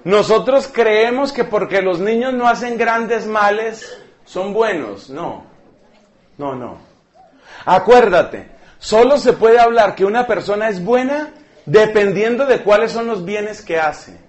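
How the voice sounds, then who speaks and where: A man's voice: high-pitched, lively intonation, slow. A man preaching a sermon, emphatic and joking, repeating words for effect.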